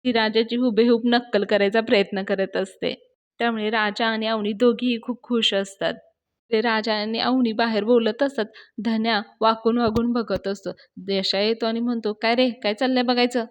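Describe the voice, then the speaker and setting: Woman retelling a TV episode, slightly high voice. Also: flat delivery, normal speed. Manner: storytelling, addresses viewers as "मंडळी". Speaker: serial review host.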